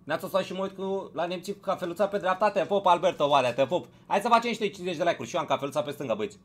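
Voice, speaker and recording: A man hosting a casual live stream, chatting with viewers, greeting them by name, repeating himself and urging them to hit like. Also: high voice. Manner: chatty, greets viewers one by one, repeats phrases, pushes for likes.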